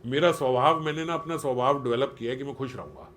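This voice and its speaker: Man, spiritual teacher, medium pitch. Persuasive, keeps quizzing the room. Faint background hiss. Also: quick pace, fairly bright tone. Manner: questioning, quizzes listeners, acts out quotes in everyday voices; earnest and persuasive. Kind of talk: conversational spiritual talk to a small group.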